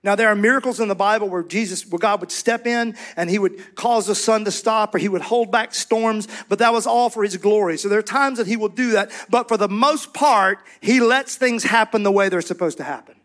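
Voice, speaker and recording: A man preaching a sermon as pastor to a church congregation and online viewers, rallying them with energy and then slowing to soft, emphatic words. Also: high voice.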